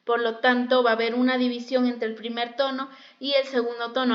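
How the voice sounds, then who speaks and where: A woman teaching a makeup class, explaining step by step and often repeating herself. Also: on the high side. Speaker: makeup instructor. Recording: dull lo-fi sound.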